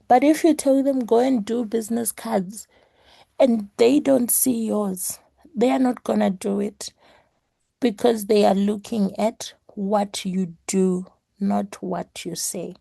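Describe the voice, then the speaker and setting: A woman with a hoarse morning voice giving an earnest motivational class to her team, repeating her key points. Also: medium pitch, steady tone, slow, warm tone, no echo. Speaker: network marketing leader teaching a class. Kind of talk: motivational teaching talk.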